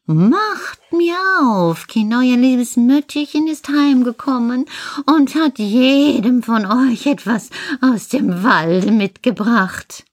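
Sly storybook wolf voiced by a woman, slow, low-ish, a bit breathy. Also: animated, dry recording. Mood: sweetly coaxing. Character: sly, threatening male wolf, fairy-tale villain.

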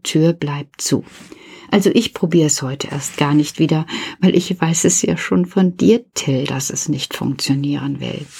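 Woman telling kids a story, slow, husky, lots of half-whispering, sudden loud bits. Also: low-pitched. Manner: hushed and half-whispered, suspenseful, then animated bursts. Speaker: kindergarten teacher telling a story. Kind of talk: storytelling to children.

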